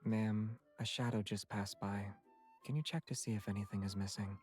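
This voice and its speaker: Man playing a low, apathetic young hunter. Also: soft background music, lightly acted. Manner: apathetic, flat, unhurried delivery. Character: Xavier, calm, apathetic, devoted young male hunter. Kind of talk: video game voice acting.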